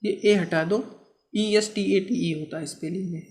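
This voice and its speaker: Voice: medium pitch, fairly even intonation, normal speed, a little mellow. A teacher works through an exam-prep history lesson, posing a question and then answering it. Key terms are explained with homely comparisons, and "theek hai" keeps coming back as a check-in. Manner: asks rhetorical questions and answers them.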